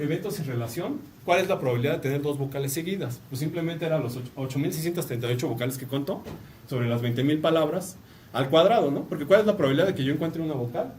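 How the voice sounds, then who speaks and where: Fast-talking Mexican man lecturing from afar. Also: fairly high pitch, a little mellow. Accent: Mexican Spanish. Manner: chatty, tags phrases with a questioning "no?", joking asides. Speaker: university lecturer. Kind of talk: casual academic talk. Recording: distant mic with faint room noise.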